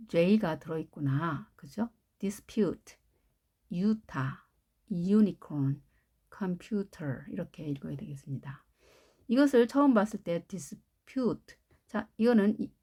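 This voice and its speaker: A woman with a Korean accent gives a classroom-style English pronunciation lesson, explaining each step and repeating every word. Her voice sits at a medium pitch with a dark tone.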